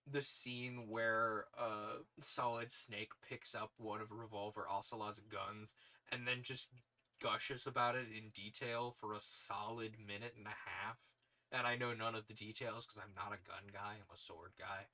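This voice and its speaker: Forceful male streamer reading aloud. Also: fairly low pitch, fairly even intonation, measured pace. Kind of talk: story narration with casual asides.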